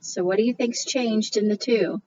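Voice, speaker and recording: A woman teacher reads a fairy tale aloud for a lesson, leaning on words with drawn-out storytelling emphasis. She sounds a little distant from the mic, and the sound is muffled. A faint hiss sits underneath. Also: mid-range voice, warm tone.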